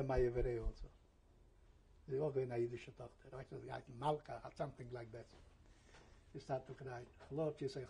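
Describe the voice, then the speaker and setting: An elderly man gives oral history testimony in slow, halting, broken English. His voice is gravelly and very husky, dark in tone and pitched a bit above his peers. He stops to hunt for words and drops into German and Hebrew when English fails him. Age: 70s. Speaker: Holocaust survivor giving testimony.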